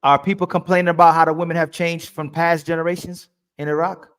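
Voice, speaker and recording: Man hosting a livestream debate, slightly high voice, pushy, repeats his questions. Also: flat delivery, fast talker, a bit bright, smooth. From family from Turkey. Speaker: livestream host. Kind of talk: heated call-in debate.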